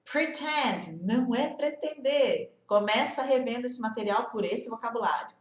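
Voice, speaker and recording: A woman's voice: a little high, lively intonation, unhurried, roomy sound. A woman with a Brazilian Portuguese accent giving a casual online English lesson, chatty and encouraging, often checking in with her students. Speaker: English teacher.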